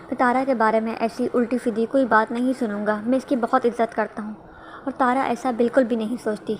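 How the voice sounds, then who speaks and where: A woman's voice: fairly high pitch, close to an everyday voice. A woman reading the lines of a stubborn, firm young man in a storybook reading, with faint background noise. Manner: firm, calm. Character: stubborn young man devoted to his love.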